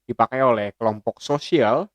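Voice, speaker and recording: A young man from Banjarmasin, explaining a language topic to viewers in a relaxed, chatty way, with frequent hesitation fillers. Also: mid-range voice, moderate pace, dry recording. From Banjarmasin, South Kalimantan. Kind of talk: casual explainer talk to viewers. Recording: slightly dull, dry lo-fi recording.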